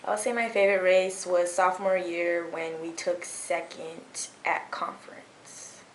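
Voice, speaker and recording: A 21-year-old woman, a college runner, answering interview questions in an easygoing way that trails off softly. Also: fairly low pitch, little pitch movement, measured pace, a little hiss or hum. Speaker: college cross-country runner. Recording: echoey room.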